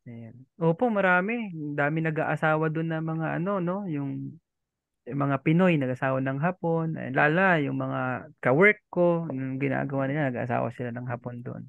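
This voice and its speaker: A man's voice: fairly high pitch, normal speed, gravelly, dry recording, narrow, tinny audio. A man teaching a language lesson in a patient, polite way, often repeating himself and checking that the learners follow.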